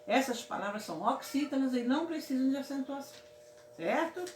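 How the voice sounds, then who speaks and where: Here a high-pitched, animated woman from Brazil runs a casual grammar lesson at a brisk clip, her tone on the darker side. She keeps affectionately checking in with the class, whom she calls "my loves," repeating "certo, meus amores?" The recording has a little hiss or hum and sounds like an echoey room with faint ambience.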